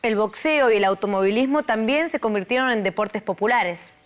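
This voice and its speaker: A woman's voice: medium pitch, lively intonation, normal speed, soft background music. A woman with an Argentine Spanish accent taking part in a scripted educational dialogue in a friendly, conversational way.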